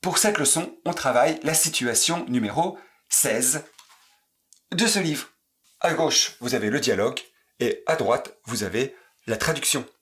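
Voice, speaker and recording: A man teaching pronunciation, saying each phrase slowly and carefully and breaking words into single sounds for learners to repeat. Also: medium pitch, expressive, a bit bright. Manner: very slow, deliberate, repeats sounds and syllables for learners. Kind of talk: pronunciation drill lesson.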